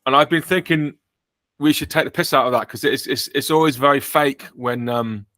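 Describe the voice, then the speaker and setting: Man, English accent, podcast host, dry self-mocking humor, crisp bright tone, close dry sound. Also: mid-range voice, normal speed, no room sound. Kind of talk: casual podcast chat.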